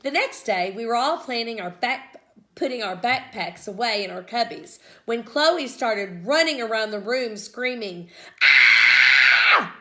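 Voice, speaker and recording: A woman teacher reading a children's book aloud with expressive storytelling. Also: fairly high pitch, normal speed.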